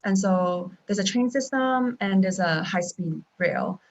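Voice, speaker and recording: Expressive and measured, a young woman with a mid-range voice chats casually as a guest on a live video call, with slight background noise. She's a traveling teacher at home in Taiwan, her speech full of ums and restarts, heard through dull lo-fi video call audio.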